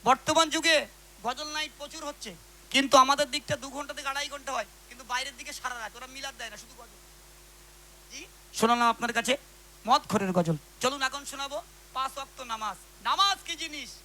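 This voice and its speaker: A man preaches a story to a live crowd in a very high, bright, piercing voice. He talks fast and animated and keeps calling on listeners to respond. A faint hum sits under him. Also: poor audio. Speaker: ghazal singer and preacher. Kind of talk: storytelling religious talk to a live audience.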